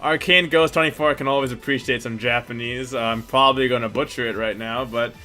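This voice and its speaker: Bright-voiced laid-back young man. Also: medium pitch, fairly even intonation, fairly quick. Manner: laid-back, rambling, lots of fillers and laughs. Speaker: channel co-host. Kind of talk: casual chat, answering viewer questions.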